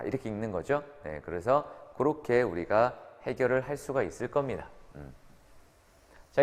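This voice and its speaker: A man teaching an English grammar lesson to students, often checking in with short tag questions. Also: on the low side. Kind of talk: classroom grammar lecture. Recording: reverberant lecture room.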